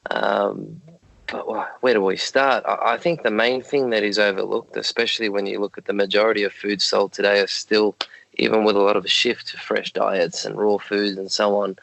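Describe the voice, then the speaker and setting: Croaky low-voiced man. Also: little pitch movement, a bit bright, dry recording, poor audio. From Australia. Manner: measured, explanatory. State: croaky voice, late at night. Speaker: guest, dog health advocate. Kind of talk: podcast interview answers.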